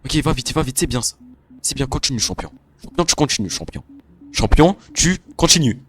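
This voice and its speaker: A man's voice: medium pitch, brisk. A man commentating his horror game playthrough, often panicking and talking straight to his viewers. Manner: panicky, excitable, talks to viewers. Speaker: gamer.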